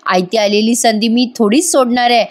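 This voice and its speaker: A scheming aunt from a TV soap, smug and calculating, as a woman reading the story puts her on. She sounds fully pleased with her own plotting and speaks in a fairly high voice. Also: steady tone, moderate pace, natural voice.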